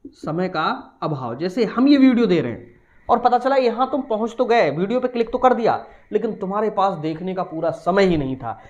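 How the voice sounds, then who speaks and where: A man with a Hindi-speaking Indian accent giving a recorded commerce lecture, explaining point by point and stretching key words slowly. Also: sits high, lively intonation, a little mellow, highs cut off. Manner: explains point by point, slow emphatic words, asks and answers himself. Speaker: commerce teacher.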